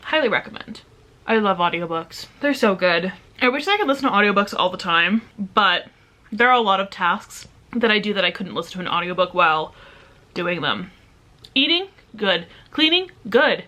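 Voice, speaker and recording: A woman's voice: medium pitch, moderate pace, pushed and bright. A woman in her twenties chatting casually in a home book vlog, rambling and self-deprecating. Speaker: book vlogger. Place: home room indoors.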